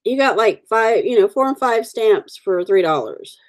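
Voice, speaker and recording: A slightly high voice with lively intonation and a moderate pace belongs to this livestream host from the Oklahoma accent region, who has the sniffles. She colors stamped cards, greets viewers by name and keeps the chat casual.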